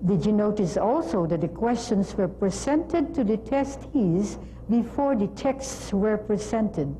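Measured middle-aged woman with mellow voice. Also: mid-range voice, expressive, slight background noise, low-quality recording. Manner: measured, deliberate, instructional. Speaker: presenter of an educational program on language testing. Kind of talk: scripted lesson presentation. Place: TV studio.

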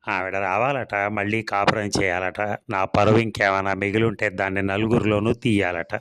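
Sly sweet-talking landlord guy in an audio story, man reading it, lowish voice. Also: level tone, normal speed, background noise, lightly acted. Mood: coaxing. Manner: smooth, coaxing, laughs things off. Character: charming, manipulative village landlord man.

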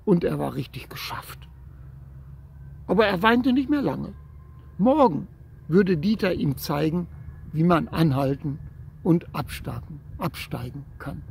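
A man reading a children's story aloud in a gentle way, speaking straight to the child listening, with a husky voice. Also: fairly high pitch, expressive, unhurried, pauses often, slight background noise.

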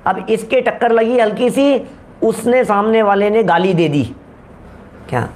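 A man's voice: high-pitched, a little slow, a little mellow, slight background noise. A middle-aged man preaching a religious discourse. He tells everyday stories and keeps asking his listeners rhetorical questions. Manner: storytelling with everyday examples, asks rhetorical questions.

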